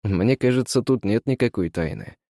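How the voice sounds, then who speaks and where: A man's voice: on the low side, expressive, moderate pace, dark tone, no echo, studio quality. A man voicing a composed young man who speaks in a level, firm way in a read-aloud story.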